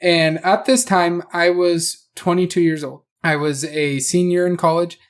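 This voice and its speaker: A man co-hosting a podcast, telling a personal story in an animated, laughing way. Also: sits high, unhurried, clear, resonant tone. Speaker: podcast co-host. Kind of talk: casual podcast chat, telling an anecdote.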